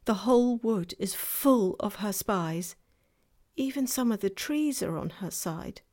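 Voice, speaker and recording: A woman voicing a gentle, guilt-ridden male fawn in an anguished, self-reproaching, melodramatic way for a children's storybook. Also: medium pitch, lively intonation, unhurried, lightly acted. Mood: resolved, hushed. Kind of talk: dramatized children's storybook reading.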